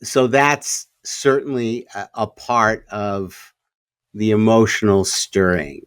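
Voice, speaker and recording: Man, standard American accent, smooth clear voice, brisk pace, earnest film discussion, dry close sound. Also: on the low side, a bit bright, dry recording. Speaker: film commentator.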